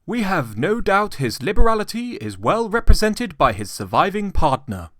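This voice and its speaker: Man playing a high-pitched genteel portly gentleman. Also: very animated, moderate pace, no echo, studio quality. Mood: courteous. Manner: formal, polite, florid. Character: portly, genteel, earnest charity-collecting gentleman.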